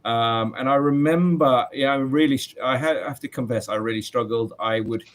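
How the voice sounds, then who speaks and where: This loud-voiced male teacher, in his late forties, responds to an interviewer in a talkative way, stumbling through frequent fillers and restarts. He speaks at normal speed with a medium pitch.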